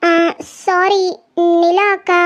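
A woman's voice: very high voice, flat delivery, drawn-out words, fairly bright tone, heavily acted. A woman voicing a timid young girl in a cartoon who stammers and pleads after being caught snooping. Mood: anxious. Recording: slightly dull lo-fi audio.

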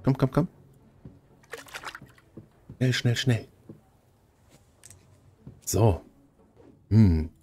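A man's voice: medium pitch, animated, extremely slow, pauses often, dark tone, soft background music. A man giving casual commentary while playing a game, chatty and urging himself on. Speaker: let's play host.

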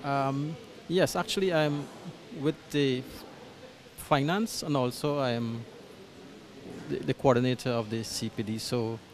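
A Guyanese parish coordinator in his thirties answers interview questions in a small church hall, speaking into a handheld mic the interviewer holds. His voice is medium-pitched and steady, his pace measured. He's hesitant, with many ums and restarts.

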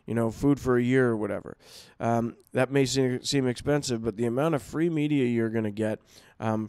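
Clear-voiced man presenting a webinar. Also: mid-range voice, a little mellow, dry recording, studio quality. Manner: conversational, many fillers and restarts. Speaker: webinar presenter, marketing agency. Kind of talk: unscripted webinar talk.

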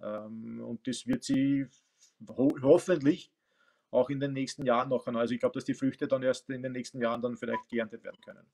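A man's voice: mid-range voice, steady tone, normal speed, vocal fry, darkish tone, a little hiss or hum. A man in his forties with an Austrian accent, a coach and teacher, talking thoughtfully on a video call from his home, with many fillers and restarts. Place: home room with bookshelves. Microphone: webcam on video call.

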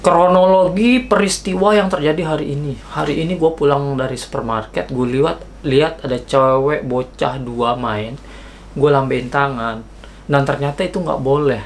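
A young man from Indonesia, telling a story in a casual vlog, slangy and animated, acting out the people in it. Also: on the high side, normal speed, slight background noise. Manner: slangy, animated, acts out quoted dialogue. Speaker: vlogger.

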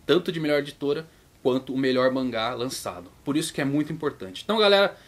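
A man's voice: animated, quick pace. Chatty Brazilian man hosting a vlog. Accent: Brazilian Portuguese. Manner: chatty, acts out viewers' questions in a higher voice. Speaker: YouTube manga channel host. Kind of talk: casual vlog talk to viewers.

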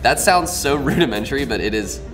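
A man's voice: mid-range voice, lively intonation, a little fast. A young man co-hosting a casual gear review, playful and full of hyped slang. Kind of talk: casual product review chat. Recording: background music under voice.

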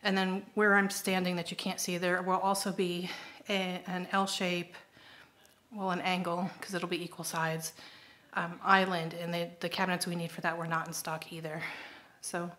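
A chatty middle-aged woman walks through her half-finished kitchen, explaining each detail in a slightly low voice and filling the gaps with ums. She is recorded indoors on a phone held at arm's length. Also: little pitch movement, moderate pace, a bit bright. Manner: chatty, explanatory, pointing things out with frequent ums. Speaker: homestead vlogger. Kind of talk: casual home renovation update. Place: kitchen under renovation, indoors. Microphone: handheld phone camera at arm's length.

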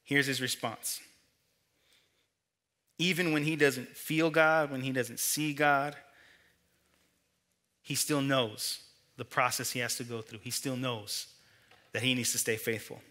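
A young man giving a casual youth sermon, chatty and joking, with quick asides to the room, acting out the friends' lines in a mocking tone. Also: medium pitch, fairly even intonation, bright, forceful tone. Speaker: youth pastor.

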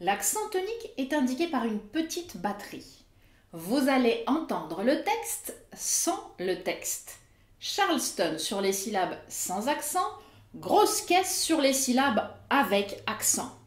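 Woman, higher voice, animated lively pitch, scripted lesson narration, echoey room. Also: slow pace. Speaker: educational video host.

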